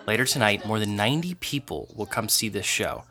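A man, the program director, giving an even, informative scripted voice-over narration. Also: on the low side, brisk.

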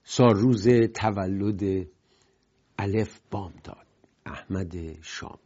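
A male host delivers political commentary in a warm, mellow voice. He rambles from one anecdote to the next, lifting his voice now and then for emphasis. The recording sounds dull and lo-fi. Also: low-pitched, fairly even intonation, breathy edge. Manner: rambling, digressive storytelling with emphatic swings in loudness.

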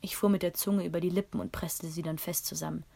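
A woman reading a first-person story aloud in a calm, measured way. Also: on the low side, gravelly. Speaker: audiobook narrator.

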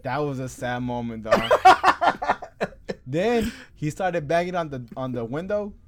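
A man's voice: a little high, sing-song, a little slow, a bit bright. A young man telling a long story in casual chat, slangy and rambling, laughing as he goes. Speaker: storyteller among friends.

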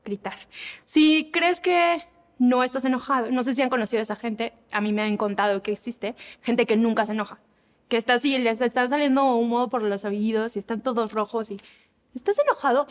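Woman, young adult, devotional talk, animated, fairly high voice, long reverb. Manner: animated, acts out examples with voices.

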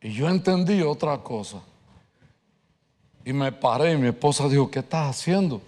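A man preaching a sermon, telling a personal story with animated delivery and slipping in English words. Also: medium pitch, moderate pace. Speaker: pastor. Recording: reverberant hall.

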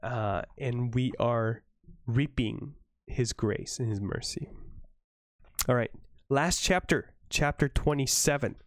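A man leading a Bible study, reading scripture aloud and breaking off for earnest, excitable asides and self-corrections. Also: medium pitch, takes it slowly, no room sound, studio quality. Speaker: Bible study leader reading to a live audience. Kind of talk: Bible reading with informal commentary.

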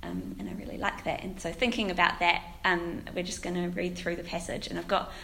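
A woman in her twenties with a croaky voice from a cold, starting phrases with a creak as she gives an informal church talk. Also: fairly low pitch, fairly even intonation, a little fast, pushed and bright. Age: 20s. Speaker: guest speaker at a church. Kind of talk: informal sermon with scripture reading. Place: echoing church room, handheld microphone. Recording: roomy echo with faint noise.

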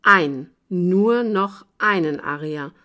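A woman reading a calm bar owner. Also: lowish voice, slow pace, exaggerated voice. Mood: measured. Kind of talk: audiobook reading.

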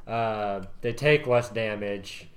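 A man's voice: lowish voice, slow. A man co-hosting a casual podcast, explaining things in a rambling, hesitant way. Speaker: podcast co-host. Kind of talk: casual chat.

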